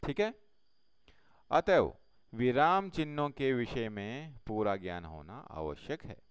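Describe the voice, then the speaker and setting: A man teaching a Hindi grammar lesson, explaining slowly step by step with pauses. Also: medium pitch, expressive, smooth, no room sound.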